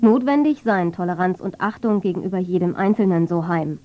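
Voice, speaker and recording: A woman's voice: lowish voice, brisk. A woman reading scripted radio news in a factual, neutral manner. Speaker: radio newsreader. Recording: dull, band-limited medium-wave radio.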